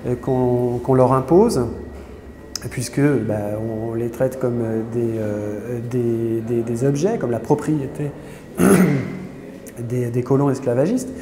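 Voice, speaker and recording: Speaking slowly in a mid-range voice, a man talks about history at an exhibition, stumbling with fillers and starting sentences over. The indoor gallery is echoey, with crowd and background noise behind him.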